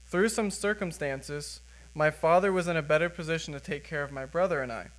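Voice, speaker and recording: A man's voice: on the high side, a little fast, fairly bright tone. A young American man giving a sermon with personal testimony as a first-time preacher, speaking plainly and earnestly. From United States.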